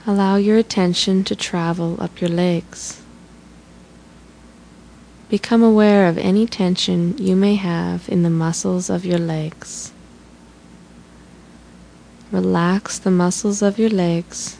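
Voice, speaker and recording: A woman guides a relaxation session, soothing and instructive, her slightly low voice moving very unhurriedly with fairly even intonation. Her tone is warm and creaky, and the low-quality recording carries a faint hiss.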